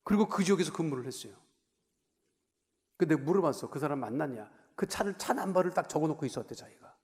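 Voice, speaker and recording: High-voiced pastor preaching in a reverberant church. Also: male voice, animated, quick pace. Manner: conversational preaching, asks the congregation questions; swings between raised emphasis and quiet asides. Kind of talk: sermon. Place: church sanctuary. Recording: long reverb of a large church hall.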